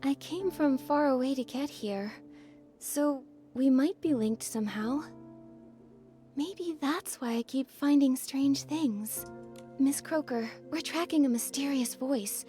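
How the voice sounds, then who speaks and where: High-voiced gentle young heroine. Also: female voice, slow, faint music behind. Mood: thoughtful. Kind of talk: scripted game dialogue.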